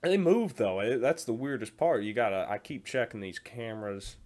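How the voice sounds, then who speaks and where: A brisk, animated man with a natural, medium-pitched and slightly mellow voice performs a comedy monologue on the phone. He's a callous 40-year-old night security guard who rambles, stammers and repeats himself using slangy talk.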